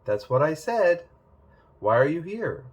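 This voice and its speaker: A man's voice: a little high, sing-song, measured pace, slightly rough, lo-fi sound, voice pushed up, full character voice. A man voicing a curious, friendly, plain-spoken young bear cub in a storybook. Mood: puzzled.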